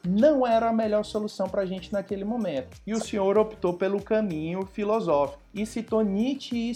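Um homem com sotaque brasileiro, apresentador de podcast, recebe os convidados num bate-papo descontraído e animado. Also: male voice, high voice, mellow. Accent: Brazilian. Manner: upbeat and welcoming. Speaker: podcast host. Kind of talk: casual podcast chat, interviewing.

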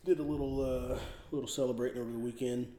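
A man's voice: mid-range voice, steady tone, fast, mellow. A young man co-hosting a podcast in laid-back, joking casual chat. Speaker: podcast co-host. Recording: echoey room.

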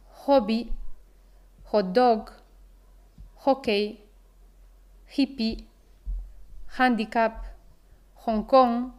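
A woman with a Spain accent, reading a scripted podcast lesson and saying each example word slowly and carefully. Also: fairly high pitch, a little mellow. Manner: slow, careful pronunciation of example words. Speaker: Spanish teacher, podcast host.

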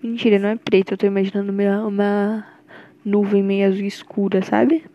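A woman's voice: medium pitch, little pitch movement, fairly quick, lo-fi sound. A young woman with a Brazilian accent recording a rambling, nervous, affectionate voice message for her girlfriend. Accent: Brazilian Portuguese. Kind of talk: intimate personal voice message.

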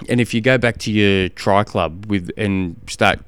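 A man with an Australian accent giving casual coaching advice as a podcast host, halting and often repeating phrases as he explains. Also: fairly low pitch, clear, resonant tone, no echo.

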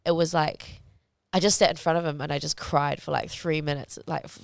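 A young woman talks through a candid interview in a fairly low voice with noticeable vocal fry. She speaks haltingly, reflecting as she goes and often pausing to find the right words. The sound is close and dry. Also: steady tone, no room sound. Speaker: interview guest, fighter.

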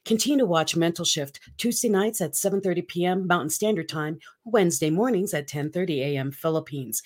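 A woman in her fifties hosting a talk show, upbeat and laughing often as she chats. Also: on the low side. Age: 50s. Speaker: host. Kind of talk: casual talk show chat.

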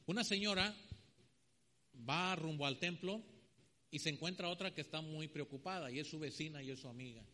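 A man's voice: high voice, big-room sound. A man preaching a sermon in a church, telling stories and acting out the voices of the people in them. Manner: animated storytelling preacher, acting out characters' voices.

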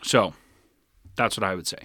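A man co-hosting a casual gaming podcast, talking in a relaxed, rambling way and laughing often. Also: lowish voice, moderate pace, no echo, clean studio sound. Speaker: podcast co-host.

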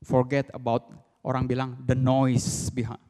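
A male preacher giving a sermon who mixes English words into his talk and breaks into a high, loud voice when he acts out the crowd. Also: completely flat delivery, a little slow. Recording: long reverb of a large hall.

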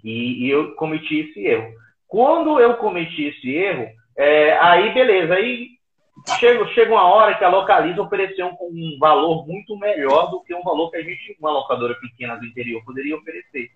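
Man, heard over a call line, tinny phone-like sound, echoey, halting speech. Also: sits high, very animated. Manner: halting, repeats words often. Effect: heard over an internet call line. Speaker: interview guest. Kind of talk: casual personal story. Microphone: remote call device.

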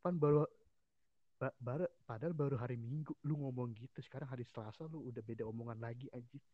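A man's voice: mid-range voice, fairly even intonation, quick pace, no room sound. A man telling a personal story in casual podcast chat, slangy, with many restarts and quoted lines. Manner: slangy Jakarta street talk, many restarts. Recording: dull lo-fi sound.

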